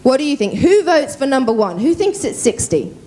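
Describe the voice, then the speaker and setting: Animated quick-talking woman voice coach. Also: high voice, slight background noise. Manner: lively, quick-talking, quizzes the audience. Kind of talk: conference workshop talk. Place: conference room.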